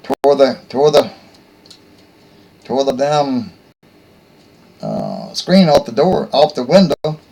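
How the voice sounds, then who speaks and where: A man hosting his own show, telling a rambling story in a folksy, rough-spoken, joking way. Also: medium pitch, sing-song, slow pace, long pauses, mellow, a little hiss or hum, rough recording. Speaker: host. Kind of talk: casual rambling monologue.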